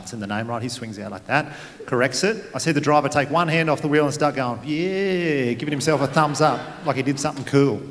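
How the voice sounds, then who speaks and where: A young Australian man performing a stand-up comedy set, telling a story in a laid-back way with crude asides, on stage at a comedy venue. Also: medium pitch. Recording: live room with long reverb, faint ambience.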